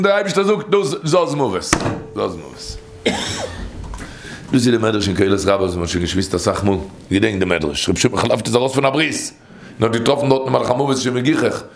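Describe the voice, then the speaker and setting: Gravelly man telling a rambling teaching story. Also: mid-range voice. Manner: rambling, repeats phrases and restarts often.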